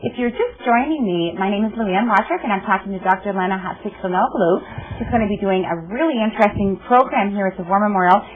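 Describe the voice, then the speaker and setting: A woman's voice: mid-range voice, fast talker, few pauses, slight background noise. A middle-aged woman hosting a local TV interview show, friendly and enthusiastic, often repeating words. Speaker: TV host. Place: TV studio set. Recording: tinny phone-like old TV audio.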